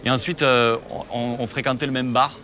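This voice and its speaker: A man's voice: medium pitch, level tone, bright, forceful tone. A young man from Perpignan with a southern French accent, a stand-up comedian chatting and then doing his routine, joking, with lots of stammered restarts. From Perpignan, southern France. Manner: quick, joking, many restarts and stammered repeats. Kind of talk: casual chat and stand-up routine. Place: TV studio café set with audience.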